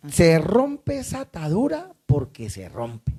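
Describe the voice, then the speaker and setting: Pastor enfático que predica. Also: male voice, a little high, huge pitch swings, warm tone. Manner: emphatic preaching with pauses, asks the congregation questions. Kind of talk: preaching.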